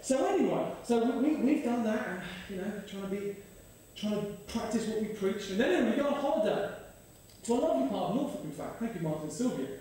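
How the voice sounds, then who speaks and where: A man, preaching a sermon with animated, self-deprecating storytelling. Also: sits high, a little fast. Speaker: pastor. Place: large church hall. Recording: very echoey hall, voice from far off.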